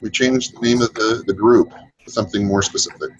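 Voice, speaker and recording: A man's voice: on the low side, fairly even intonation, brisk, slight background noise, poor audio. A man speaking in a casual online meeting, hesitant, with many restarts and fillers. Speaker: group member. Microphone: video call.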